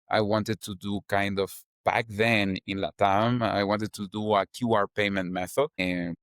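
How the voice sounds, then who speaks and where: A young man from Chile with a fairly deep voice, appearing as a startup founder guest, gives casual interview answers in accented English. His storytelling is loose and chatty, full of fillers, tying ideas together with "like" and "kind of." The recording is close and dry, with no sense of the room.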